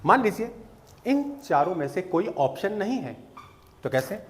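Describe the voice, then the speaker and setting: Slow patient teacher. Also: male voice, high-pitched, very animated. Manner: slow, patient explaining with checks like "theek hai?". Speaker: English teacher. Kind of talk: spoken English lesson.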